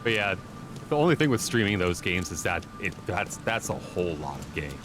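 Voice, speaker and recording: Male game streamer: low voice, casual live chat, game music clearly behind. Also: sing-song, normal speed.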